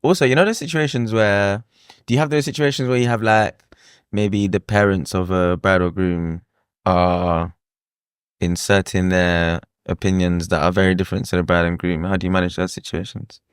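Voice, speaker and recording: A man's voice: sits low, moderate pace, clear, resonant tone, no echo, clean studio sound. A man hosting a casual interview podcast, asking questions and murmuring agreement. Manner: relaxed, asks questions with short agreeing murmurs. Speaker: podcast host, MC.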